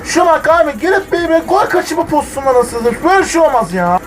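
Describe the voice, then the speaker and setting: A young man playing a football video game, commenting live and swinging from muttering to yelling at the players. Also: very high-pitched, big pitch swings, rapid-fire, a little hiss or hum, low-quality recording. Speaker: gamer.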